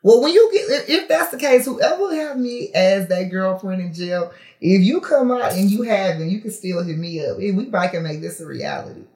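This thirties-aged woman, a reality TV star guesting on a podcast, talks casually and openly, laughing often and using plenty of fillers. She has a mid-range, expressive voice at a moderate pace, a little mellow, recorded in an echoey room.

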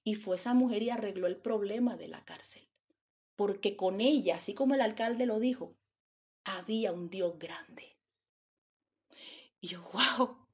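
A woman's voice: medium pitch, brisk, warm tone. A woman preaching a sermon, telling stories dramatically and acting out the voices. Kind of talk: sermon storytelling.

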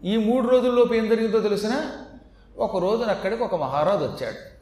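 High-voiced man telling scripture stories. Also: fairly quick, darkish tone, a little hiss or hum. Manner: chatty, with humorous asides. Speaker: religious storyteller. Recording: echoey hall with faint ambience.

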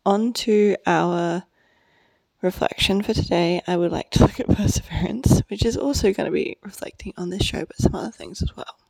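Young woman, quiet half-whispered podcast talk, gravelly, dark and dry close-mic sound. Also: mid-range voice, moderate pace, no echo, poor audio. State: sleepy. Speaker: podcast host. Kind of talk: late-night solo podcast. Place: friend's house, at night.

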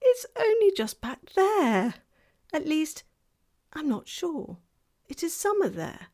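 A woman's voice: high voice, sing-song, slow pace, a little mellow, voice pushed up, exaggerated voice. A woman voicing a polite young girl who sounds earnest and a little puzzled, in a storybook reading.

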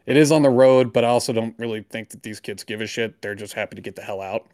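A man's voice: lowish voice, fast talker, a little mellow, no echo, studio quality. Casual, profane man talking betting picks. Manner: loose, profane, drops voice on asides. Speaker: podcast co-host. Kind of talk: casual sports betting talk.

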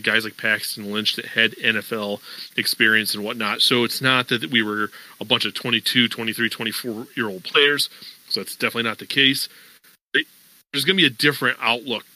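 A man hosting a sports podcast talks conversationally and at length, explaining things with lots of fillers. His mid-range voice sounds pushed and bright, and the recording is rough.

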